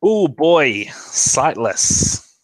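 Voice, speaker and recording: A man's voice: a little high, very animated, very slow, no room sound, poor audio. Hesitant man narrating a tabletop game. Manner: hesitant, full of ums and restarts. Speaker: player narrating his character.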